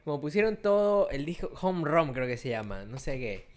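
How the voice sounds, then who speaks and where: A young man chatting casually, animatedly acting out quoted voices as he tells stories. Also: moderate pace. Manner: animated storyteller, acts out quotes in high voices. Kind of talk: casual chat.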